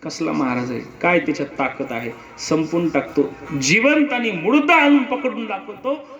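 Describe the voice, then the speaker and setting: A man's voice: on the high side, moderate pace, gravelly, reverberant, muffled recording, soft background music. A man voicing an arrogant enemy general who boasts and sneers at his foe. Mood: scornful. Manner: scornful, gloating.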